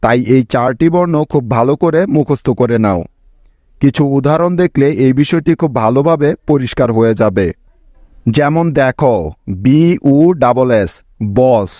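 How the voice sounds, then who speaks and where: A man of middling pitch teaches spelling rules in a patient, step-by-step way. He pauses often to check that his students are following. The recording is dry and close, with no room sound. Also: warm tone, dry recording. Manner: explains slowly and asks frequent check-in questions. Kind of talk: scripted lesson narration.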